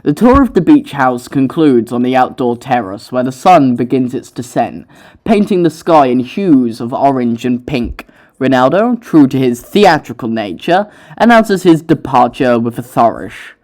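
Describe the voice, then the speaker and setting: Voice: mid-range voice, expressive, normal speed, darkish tone. A young author narrating their own story, breaking off for casual, self-mocking, sweary commentary.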